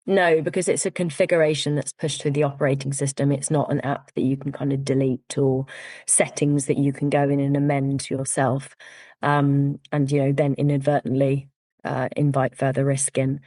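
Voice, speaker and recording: A woman, a firm founder, explaining things in a measured way on a podcast with frequent "um" and "you know". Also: rumbling low, flat delivery, warm tone, no echo. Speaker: cyber security firm founder, guest. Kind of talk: podcast interview.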